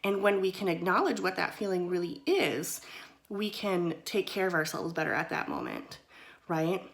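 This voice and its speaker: A woman with a slightly low voice talks through a mindfulness lesson in a loose, conversational way. She keeps checking in with her listeners as she goes and fills her sentences with easy, chatty phrases. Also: animated, moderate pace, creaky. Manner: conversational, often checks in with "right?" and "okay?"; loose and chatty, with frequent "kind of" and "you know". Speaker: host of a mindfulness talk. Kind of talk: casual teaching talk.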